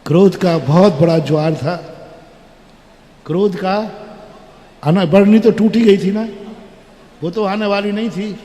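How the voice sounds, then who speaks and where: High-voiced man preaching in a hall. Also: takes it slowly, pauses often. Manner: acts out quoted characters, dramatic shifts in loudness. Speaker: Jain monk preacher. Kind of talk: sermon with storytelling. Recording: long hall reverb.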